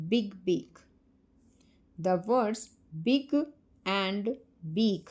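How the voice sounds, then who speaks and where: A woman teacher with an Indian English accent takes children through a poem, reading the English lines slowly before explaining them. Her voice is medium-pitched with a dark tone.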